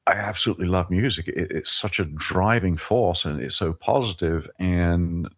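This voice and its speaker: An older man with a very deep voice talks as an interview guest. His speech is earnest and eager, full of little restarts. The sound is dry and close. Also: normal speed, no room sound. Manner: enthusiastic, earnest, repeats words when starting. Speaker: podcast guest. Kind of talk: conversational interview.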